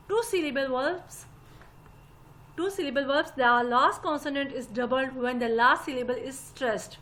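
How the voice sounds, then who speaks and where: A woman's voice: high voice, fairly bright tone, slight background noise. A woman teaches English grammar. She explains patiently, step by step, and keeps addressing her listeners politely. She speaks into a laptop mic for a recorded lesson.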